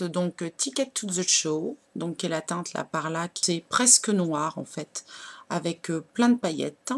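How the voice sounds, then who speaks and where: A woman's voice: fairly low pitch, creaky. A woman, chatting casually as a beauty blogger while unboxing nail products, with lots of hesitant fillers. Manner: chatty, many fillers, shows products to camera.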